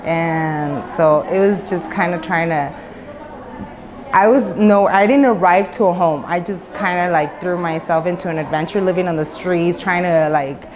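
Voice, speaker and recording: Interviewed in a Mexican women's prison, this woman in her thirties, Mexican-born but raised in the US, speaks candidly and talkatively, restarting often and using lots of fillers. Her lowish voice stays steady at a moderate pace against a noisy background.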